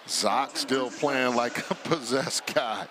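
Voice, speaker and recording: A man's voice: mid-range voice, takes it slowly, background noise. A man working as a football color commentator, chatty and laughing easily as he breaks down plays. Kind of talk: live sports analysis.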